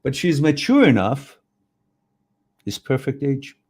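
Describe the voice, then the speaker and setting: A man's voice: medium pitch, big pitch swings, slow, a little mellow, breathy edge. A man hosting a live chat, giving opinionated, rambling advice and reading out viewer questions. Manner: opinionated, rambling, acts out quoted voices. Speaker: host answering viewer questions.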